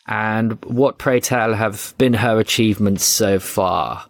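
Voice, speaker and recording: A man's voice: on the low side, creaky, dry recording. A man doing a stately, serious fey queen. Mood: formal. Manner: formal, measured.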